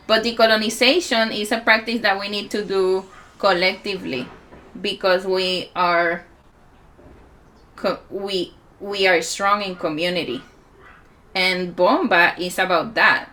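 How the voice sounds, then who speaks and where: A woman in her forties speaks with a Puerto Rican accent, slowly and reflectively, at a conference. Her tone is bright and forward, and she stops often to gather her thoughts. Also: medium pitch. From Puerto Rico. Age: 40s. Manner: unhurried, reflective, with many pauses and fillers. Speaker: musician and healer speaking at a conference. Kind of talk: conference talk.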